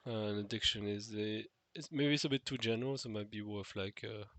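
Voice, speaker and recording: A vlogger with a nasal, stuffed-nose voice muses alone to the camera in an unscripted monologue, hesitant and full of fillers and restarts. His pitch is fairly low, his pace fairly quick, and the tone a bit bright, with a little hiss or hum.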